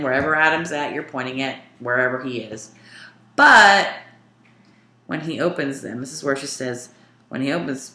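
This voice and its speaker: Low-voiced woman teaching in an echoey room. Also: bright, forceful tone. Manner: explains step by step, reads out and glosses example lines. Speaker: sign language teacher. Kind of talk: casual teaching walkthrough.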